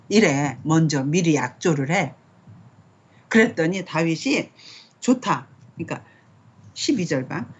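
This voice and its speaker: Husky, low-pitched Korean mom teaching. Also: female voice. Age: middle-aged. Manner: conversational, asks questions, reads scripture aloud. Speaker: bible study teacher. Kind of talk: casual bible study teaching. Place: home. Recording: dull lo-fi home recording.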